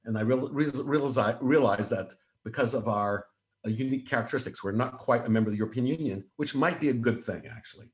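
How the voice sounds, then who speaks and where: A man from Switzerland with an American accent, answering conference questions in an animated way, often restarting his words. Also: medium pitch, quick pace. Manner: animated, with frequent restarts and stammers. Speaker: presenting researcher.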